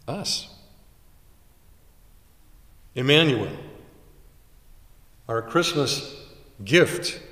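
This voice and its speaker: An older chaplain preaches in a small chapel, measured and unhurried, with dramatic pauses between phrases. His ordinary mid-pitched voice has a fairly bright tone. A stand mic at the pulpit and a distant camera pick it up from far off, wrapped in the chapel's long, roomy echo.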